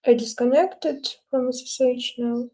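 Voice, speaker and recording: A woman walking through her screen in a live tutorial, halting and full of filler sounds as she searches for English words. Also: high-pitched, fairly even intonation, warm tone. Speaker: student presenting her work.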